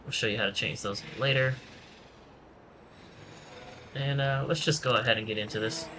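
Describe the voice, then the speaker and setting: A man giving a relaxed, rambling, self-deprecating let's-play tutorial commentary. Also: mid-range voice, normal speed, noisy background. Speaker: gaming channel host. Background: game music.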